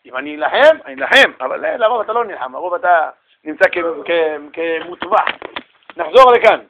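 Male preacher, high register, animated Torah sermon with slangy acted-out exchanges; muffled radio-style audio. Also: noisy background. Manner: lively, acts out quoted dialogue with street slang and rhetorical questions. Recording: dull lo-fi radio-style recording.

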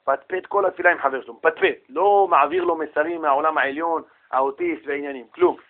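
A man teaching a religious lesson with animated storytelling, asking rhetorical questions and acting out the people in his stories. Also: on the high side, phone-quality sound. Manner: animated storytelling, acts out quoted voices. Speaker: Torah teacher.

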